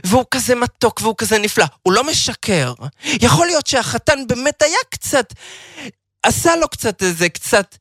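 Hebrew religious lecturer, man, very lively voice that swoops up and down, dry close sound, chanting storyteller. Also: very high-pitched, no echo. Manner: animated, acts out the people in the story. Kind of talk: storytelling Torah talk.

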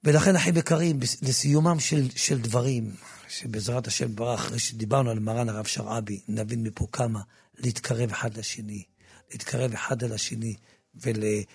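A man preaches with a gravelly, husky voice, dropping to a low murmur and then rising to loud, emphatic bursts. He restarts and repeats words as he goes. The studio sound is dry and close, with faint music underneath. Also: fairly even intonation, no room sound. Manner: frequent repetitions and restarts. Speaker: religious teacher. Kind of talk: impassioned religious talk with book promotion.

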